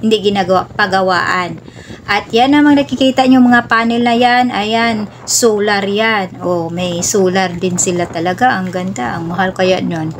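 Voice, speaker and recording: A woman's voice: medium pitch, normal speed, a little hiss or hum. A woman with a Visayan accent who speaks Cebuano natively, narrating a casual travel vlog while riding on the back of a motorbike outdoors. She rambles in a chatty way and mixes in road-safety advice. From Visayas, Philippines. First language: Cebuano (Bisaya). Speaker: vlogger.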